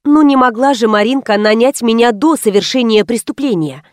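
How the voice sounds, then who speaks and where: A woman narrating a first-person detective story in a lively, wry storytelling manner, close to the mic. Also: a little high, moderate pace, no echo. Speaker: audiobook narrator.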